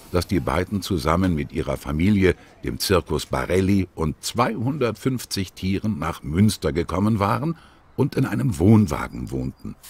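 A man narrating a children's audiobook with gentle, expressive storytelling. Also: sits low, gravelly, slightly rough.

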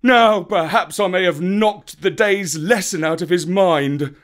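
A man's voice: sits high, a little slow, a bit bright, pitched above the performer's own voice. A man voicing an old male bear teacher who pants and wails melodramatically in despair. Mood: wailing. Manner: wailing, panting, melodramatic.

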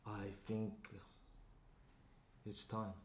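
Around a table in a small indoor room, a young man reads the lead part of an earnest, awkward professional fiancé in a naturalistic screenplay read. He delivers it haltingly and hesitantly, circling the point, in a low, darkish, completely flat voice. The shared USB tabletop microphone captures roomy echo and clear noise.

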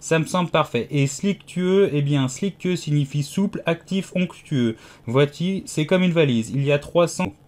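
Audiobook figure: a haughty, lecturing egg man, read by a man, slightly high voice. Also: normal speed, hardly any pauses, darkish tone, lightly acted. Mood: smug. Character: pompous, condescending giant egg man. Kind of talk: audiobook character reading.

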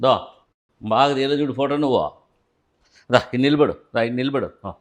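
A man's voice: mid-range voice, normal speed. A young man in a comedy skit who scolds and snaps short-temperedly at another man. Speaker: comedy sketch actor playing a short husband.

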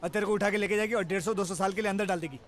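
A man's voice: sits high, fairly even intonation, very fast, a little hiss or hum, lightly acted. An actor playing a boastful young know-it-all in a comedy film who mocks and scolds his partner. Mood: mocking. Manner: mocking, bossy, scolding.

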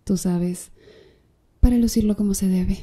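For an ASMR roleplay, a woman voices a slow, flirty tattoo artist, dark and mellow in tone, medium in pitch, with fairly even intonation. Soft and breathy, she teases her client with easy confidence and little laughs.

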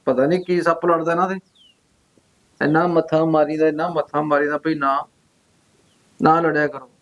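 A tipsy younger brother, acted by a man, self-pitying and fed up with the fighting at home. He complains and pleads in a voice pitched a little high for a man. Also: level tone, moderate pace, natural voice, poor audio. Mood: complaining. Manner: complaining, weepy.

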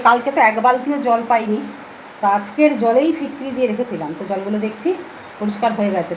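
A middle-aged woman chatting casually and softly through a home vlog, talking while she goes about her day with a cold. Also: medium pitch, a little hiss or hum. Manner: chatty, homely, speaks softly. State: has a cold. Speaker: vlogger. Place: at home indoors.

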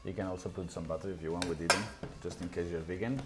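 A man's voice: low voice, fairly even intonation, quick pace. A man hosting a cooking show, explaining a dish with brief, laid-back remarks. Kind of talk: casual cooking demonstration. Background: background music.

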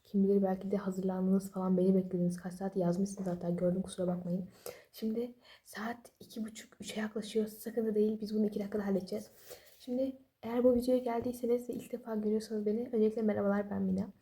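Late at night at home, a young woman gives casual study advice for her vlog, sounding sleepy and apologetic as she rambles and makes self-deprecating jokes. Her voice is medium in pitch, warm and fast, with little pitch movement, and she has no external microphone.

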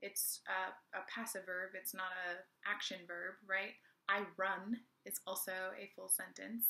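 Bright-voiced woman teaching an English lesson. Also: mid-range voice, little pitch movement, measured pace, gravelly. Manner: casual, explanatory, many fillers and restarts. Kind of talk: recorded online lesson. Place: home, teaching from a cardboard board.

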